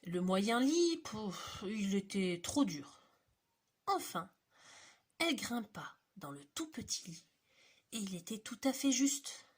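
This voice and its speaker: A woman reading a children's storybook aloud, expressive and slow, dropping to dramatic hushes. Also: mid-range voice, breathy edge.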